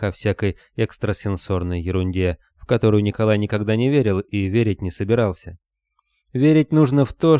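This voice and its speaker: A man narrating a novel as an audiobook in a measured, expressive storytelling manner. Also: lowish voice, clean tone, no echo, clean studio sound.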